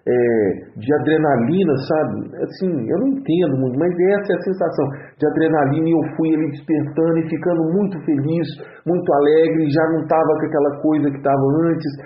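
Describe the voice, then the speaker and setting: A man's voice: a little high, a little fast, few pauses. A Brazilian man giving an earnest religious testimony, repeating his exhortations over and over. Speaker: church member giving testimony. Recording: tinny phone-like audio in an echoey room.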